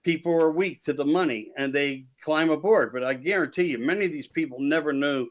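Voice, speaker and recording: This man from Pennsylvania has a fairly high voice and a brisk pace. He's a podcast host on someone else's show as a guest, talking politics casually in a rambling, emphatic way, returning again and again to his key phrases.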